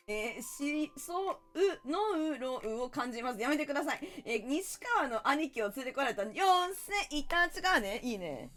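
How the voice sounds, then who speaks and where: Woman, streamer, casual game chat, playful, teasing, mock-indignant, very animated voice. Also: sits high.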